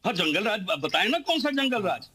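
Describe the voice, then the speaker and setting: A man's voice: high voice, sing-song, a little fast, pushed and bright, husky, low-quality recording. A man arguing heatedly as a panelist in a TV news debate, talking over the others. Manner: combative, talks over others.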